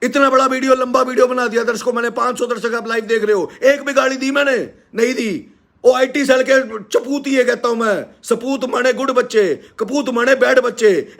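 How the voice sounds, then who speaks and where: A man with a Haryanvi accent hosting a live stream, ranting loudly and indignantly as he scolds a company. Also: very high-pitched, gravelly. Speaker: live-stream host and teacher. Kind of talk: angry live-stream rant.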